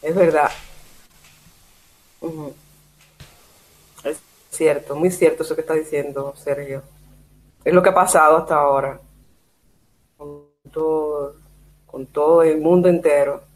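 Cuban woman, animated talk over video call. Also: low voice, a little slow, long pauses. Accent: Cuban Spanish. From Cuba. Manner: animated storytelling, quotes herself. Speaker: guest. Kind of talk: casual chat.

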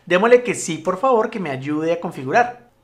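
Lively chatty man teaching. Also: high-pitched, normal speed. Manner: relaxed, chatty, addresses viewers as "muchachos"; frequent checking tags like "¿listo?" and "¿vale?". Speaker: web tutorial instructor. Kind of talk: casual screen-recorded tutorial.

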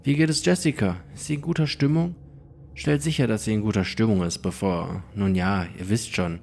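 A man's voice: lowish voice, normal speed, vocal fry, a little mellow, a little hiss or hum. A man voicing a doting middle-aged mother in audiobook dialogue, sweet, chatty and eager. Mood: cheerful.

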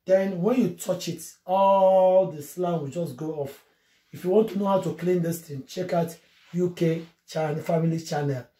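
A woman's voice: fairly low pitch, normal speed, dark tone. A woman vlogging a cooking tutorial from her home kitchen, chatting through each step to her viewers. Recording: roomy kitchen echo, faint noise.

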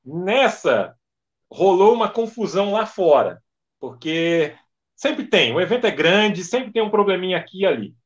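Animated man telling a story. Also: high voice, normal speed. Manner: animated storyteller acting out dialogue. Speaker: event organizer guest. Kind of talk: casual podcast storytelling. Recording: dull lo-fi podcast audio.

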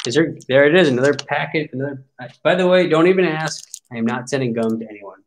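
A man's voice: a little high, fast talker, slight background noise. A man in his forties hosting a card break, opening packs and chatting wryly as he grumbles jokingly about what he pulls. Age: 40s. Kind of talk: casual card-opening commentary.

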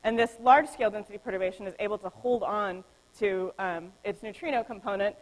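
A woman's voice: mid-range voice, fairly quick, long reverb tail, poor audio. A woman giving a physics conference lecture, explaining step by step with frequent ums and self-corrections. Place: lecture hall.

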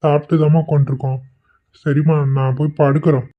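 A performer voicing a gentle, concerned husband in a cartoon. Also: medium pitch, little pitch movement, fast talker, narrow, tinny audio, natural voice. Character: caring worried husband. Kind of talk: Tamil cartoon voice acting.

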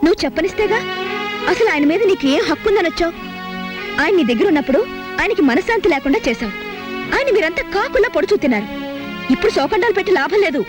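A fast, sharp-tongued young woman. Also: very high voice, very animated, over music. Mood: scolding. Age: young adult. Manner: quick, sharp retorts. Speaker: film actress. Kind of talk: film dialogue.

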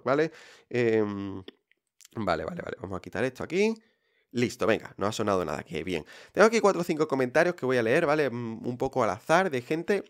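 A podcast host with a Spain Spanish accent speaks directly to his listeners in a casual monologue. His pitch is ordinary and mid-range, and his delivery is reassuring and direct, with frequent fillers.

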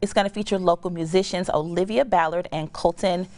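Woman on morning tv reading event listings, bright and enthusiastic, voice a bit on the low side. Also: steady tone, fairly quick. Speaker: morning show co-host. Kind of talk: scripted local events segment.

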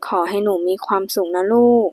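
A woman voicing an older mother who speaks in a soft, shaky, apologetic way in an audiobook. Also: brisk, dry recording, lightly acted. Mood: sorrowful. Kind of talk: audiobook character voice.

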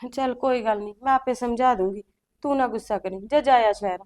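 A middle-aged woman playing a calm village mother who coaxes and soothes her grown children, with faint music behind. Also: fairly high pitch, brisk, lightly acted. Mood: soothing. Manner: calm, coaxing, keeps calling her children "son".

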